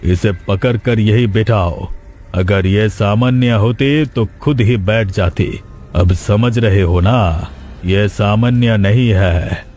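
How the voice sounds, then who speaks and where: A man voicing a stern, commanding male sadhu in a cartoon, giving slow, threatening orders. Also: on the low side, darkish tone, soft background music. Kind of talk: cartoon voice acting.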